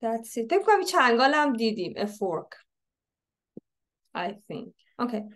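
A woman teaching an English textbook lesson, reading English lines slowly and explaining them quickly. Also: fairly high pitch, sing-song. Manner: switches between slow read-aloud English and quick explanations.

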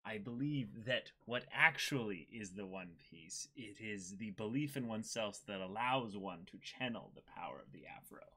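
Brief: male co-host, casual stream chat, playful, clear bright tone. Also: on the low side, unhurried, few pauses. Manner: playful, mock-formal asides.

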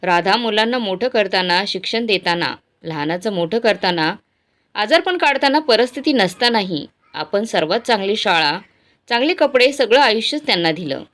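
A woman doing a bitter, shouting old father. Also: high-pitched, animated, normal speed. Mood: hurt. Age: older. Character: elderly retired father, angry and hurt.

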